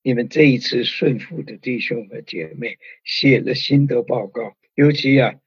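A man pastor giving a sermon in a very husky, breathy voice, talking in a conversational storytelling way with many sentence particles. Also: medium pitch, normal speed, no room sound, highs cut off.

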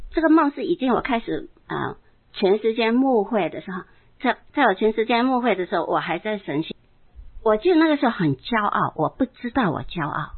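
A woman pastor giving an earnest, emotional personal testimony in a sermon, reading scripture slowly and deliberately. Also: medium pitch, husky. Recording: tinny phone-like sound.

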